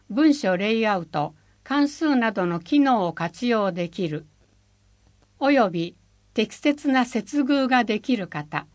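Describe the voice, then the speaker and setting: Slow, careful woman reading notices. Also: on the high side, no echo. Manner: slow, careful, even delivery of listings and numbers. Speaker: reader of a city bulletin. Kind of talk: scripted reading of public notices.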